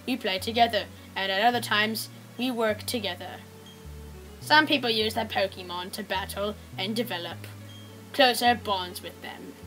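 A man's voice: high voice, fairly bright tone, exaggerated voice, poor audio. A teenage boy putting on a kindly older male game professor, with a stiff attempted British accent and a formal tone. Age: teens.

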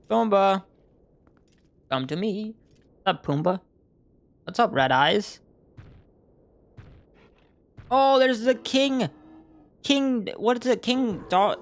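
A young man giving casual, excitable let's-play commentary, swearing and laughing often. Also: high voice, vocal fry. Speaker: gaming YouTuber.

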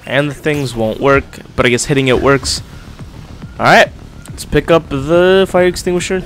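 Still recovering from sickness, the young host of this gaming channel talks through a let's-play with a slightly blocked nose and a swollen lip. His voice is a little high and his pace is normal, over soft background music.

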